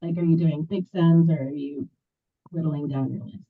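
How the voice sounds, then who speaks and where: A woman's voice: sits low, steady tone, normal speed, slightly rough. A woman moderating a video call, chatty with many fillers, her mic muffled so she sounds inside a fishbowl. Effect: muffled mic, like talking inside a fishbowl. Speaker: meeting moderator. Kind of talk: casual video-call discussion. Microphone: laptop or headset on a video call.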